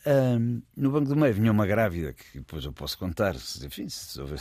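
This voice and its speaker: Low-voiced man with European Portuguese accent. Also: big pitch swings, brisk, a little mellow, no room sound, studio quality. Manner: rambling, self-correcting, chuckles while telling. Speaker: guest storyteller. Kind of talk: casual storytelling conversation.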